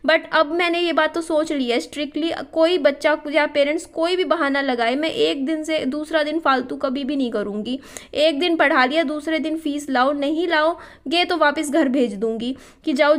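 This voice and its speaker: A young adult woman vlogging in a casual, chatty way, often checking that listeners agree with her. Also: high-pitched. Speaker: family vlogger. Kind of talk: casual vlog chat.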